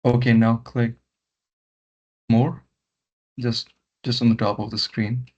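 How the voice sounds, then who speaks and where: Through muffled, lo-fi online meeting audio, a male trainer guides a session step by step through software, instructional and repetitive with his words and directions. His medium pitch barely moves, and he talks slowly.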